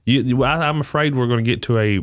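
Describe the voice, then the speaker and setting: A man's voice: medium pitch, fast. A man in his thirties hosting a podcast in a small studio, talking casually and giving his opinions in long stretches. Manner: opinionated, lecturing in long runs. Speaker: podcast host. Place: small radio studio with posters. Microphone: studio boom mic.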